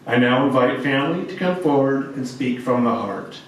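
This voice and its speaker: A man formally reading a prepared eulogy as officiant of a memorial service, in measured, solemn phrases. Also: mid-range voice, animated. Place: large echoey room at a gathering. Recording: echoey hall, distant mic, faint noise.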